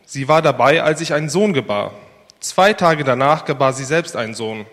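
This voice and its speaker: A man reading the part of a distressed young mother pleading her case before a king, voicing her urgently and loudly. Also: medium pitch, lively intonation, normal speed, natural voice. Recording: reverberant hall.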